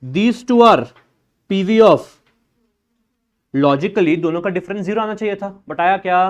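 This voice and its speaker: A man's voice: high voice, a little slow. A man giving a classroom lecture, talking bluntly and informally, teasing his students as he works through steps. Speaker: accounting lecturer.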